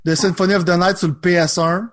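Fast-talking skeptical Quebec man. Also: high-pitched, steady tone. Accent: Quebec French. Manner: skeptical, teasing devil's advocate. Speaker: podcast co-host. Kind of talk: casual gaming chat.

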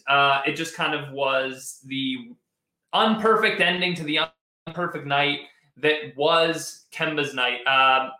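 A man's voice: a little high, pushed and bright, echoey room. A man hosting live post-game sports commentary, conversational, repeating words as he thinks aloud. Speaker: sports show host.

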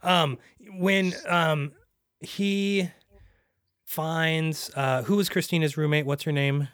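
A man's voice: on the high side, steady tone, slow pace, a bit bright, clean tone, no echo. A man chatting about a film, searching for words with lots of ums and restarts. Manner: hesitant, many ums and restarts. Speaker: podcast co-host. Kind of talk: casual film discussion.

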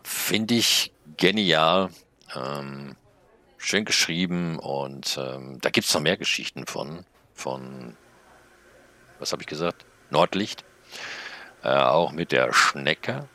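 A man's voice: very deep voice, expressive, slow, bright, forceful tone. A man hosting his channel, chatting casually and hesitantly with many fillers before and after reading a story aloud. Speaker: channel host reading stories.

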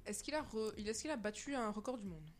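A woman's voice: medium pitch, lively intonation, fast talker. A woman eagerly firing off guesses in a casual group quiz. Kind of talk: casual classroom quiz chat.

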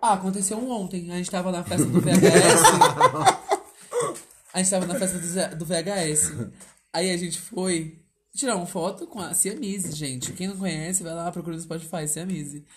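A man's voice: high voice, normal speed, noisy background. A man with a Brazilian Portuguese accent co-hosting a casual chat, telling stories with lots of exclamations. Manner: animated storytelling with frequent exclamations. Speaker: podcast co-host. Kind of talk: casual chat among couples.

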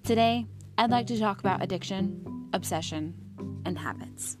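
A woman's voice: mid-range voice, moderate pace, music in the background. An American woman hosting a personal audio diary podcast, talking casually and candidly in an informal, chatty monologue with frequent asides.

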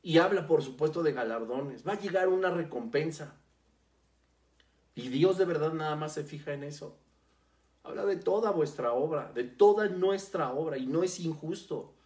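A preacher delivering a sermon, stressing key words by slowing down and repeating them. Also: medium pitch, lively intonation, a little mellow. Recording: roomy echo.

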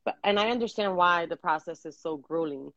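A woman's voice: fairly low pitch, fairly quick, a bit bright, no room sound, lo-fi sound. Earnest woman rambling over a video call. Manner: earnest, rambling with many fillers and restarts. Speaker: podcast co-host.

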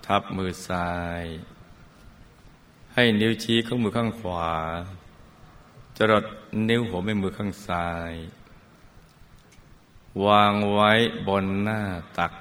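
A man leading a guided meditation, speaking gently and soothingly, drawing out his words with long pauses and calling listeners his children. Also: lowish voice, steady tone. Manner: calls listeners "child" fondly. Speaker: meditation teacher. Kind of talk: slow guided meditation instruction.

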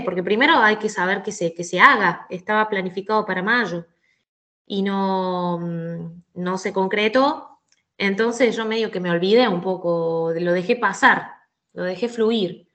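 A young adult woman from Argentina with an Argentine Spanish accent, a singer telling her story in a casual interview, animated and full of fillers and restarts. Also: mid-range voice. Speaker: guest singer.

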